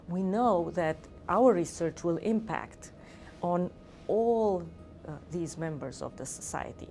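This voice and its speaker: A woman's voice: lowish voice, mellow. A middle-aged woman from Romania, a physician and researcher, speaking earnestly in an interview with fillers and restarts. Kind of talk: interview talk.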